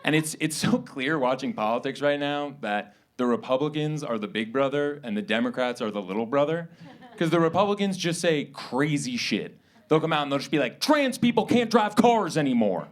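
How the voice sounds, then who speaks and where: A young man from suburban New York doing a stand-up set on a theater stage, animated and breaking into high-pitched character voices. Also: fairly quick. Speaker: stand-up comedian.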